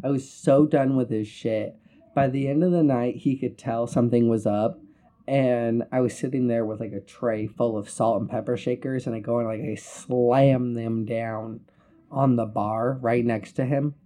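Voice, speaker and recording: A man's voice: medium pitch, steady tone, moderate pace, mellow. A man hosting a casual podcast, telling a heated, profane workplace story and acting out the quotes. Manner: recounts quotes with emphasis. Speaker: podcast host.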